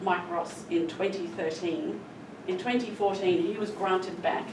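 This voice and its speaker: A middle-aged woman giving an explanatory public presentation as a conservation scientist, telling the story in an earnest, emphatic way. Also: on the low side. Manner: earnest, emphatic with stressed adverbs. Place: echoey room, recorded from a distance. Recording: roomy echo, distant mic, clear background noise.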